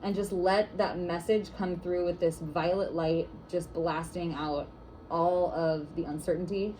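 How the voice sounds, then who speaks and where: Woman teaching, low pitch, mellow tone, guiding, chatty with fillers, faint room ambience. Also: steady tone, measured pace, slight background noise, rough recording. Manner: warm guiding, lots of "like" fillers. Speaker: EFT instructor for massage therapists. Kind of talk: teaching a workshop class.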